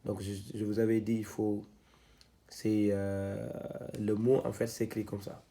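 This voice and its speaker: A man teaching Quran reading, spelling out syllables one by one, halting and repeating himself with many fillers. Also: on the low side, flat delivery, warm tone. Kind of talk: step-by-step lesson, spelling out syllables.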